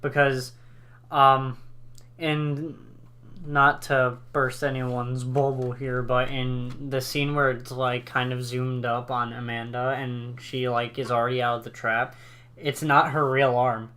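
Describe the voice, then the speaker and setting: A man's voice: medium pitch, little pitch movement, slow, sharp tone, clean tone. A man co-hosting a casual podcast chat, rambling enthusiastically with lots of fillers. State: hiccups. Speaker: podcast co-host.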